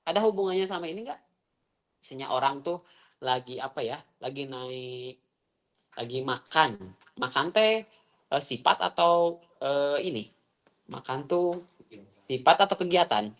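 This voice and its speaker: A woman's voice: very deep voice, animated, measured pace, long pauses. A woman teaching a Quran recitation class, asking students questions again and again. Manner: questioning, repeats prompts to students. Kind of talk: online tajwid class.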